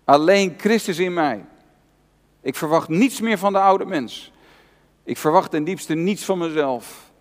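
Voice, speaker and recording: A man's voice: a little high, animated, a little slow. A male pastor preaching an earnest, personal sermon, repeating key phrases for emphasis. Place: church hall. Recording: long church reverb.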